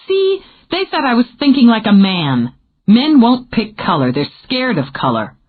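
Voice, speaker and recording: An animated, exasperated woman, as a female narrator voices her in an audiobook. Her lines jump up high and swing widely in pitch. The audio is thin and tinny, like a phone line. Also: unhurried. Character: lively impatient woman redecorating a bookstore. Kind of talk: audiobook character reading.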